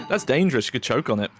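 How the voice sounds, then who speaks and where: A man of ordinary mid pitch comments casually on a video game as music plays behind him. He is wry and observant, like a co-host on the couch. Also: very animated, normal speed.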